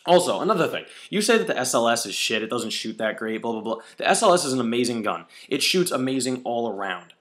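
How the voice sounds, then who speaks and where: A man's voice: medium pitch, big pitch swings, fast talker, few pauses, fairly bright tone. Young man, video rant, heavy swearing, combative and lecturing. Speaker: paintball player replying to a commenter. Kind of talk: angry video response rant.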